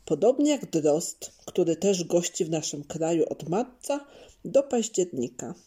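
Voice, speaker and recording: Woman voicing a gentle teaching father, storybook, measured, mellow, low. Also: breathy edge, full character voice. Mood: explaining. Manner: calm explaining, measured. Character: patient knowledgeable father explaining nature.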